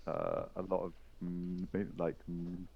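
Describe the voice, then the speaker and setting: A man's voice: deep voice, level tone, unhurried, vocal fry, a little hiss or hum. A man, an artist being interviewed over an online call, whose words break into a buffering stutter as the connection glitches. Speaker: artist guest. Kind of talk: casual interview chat. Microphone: online call with a plug-in mic. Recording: muffled lo-fi call audio.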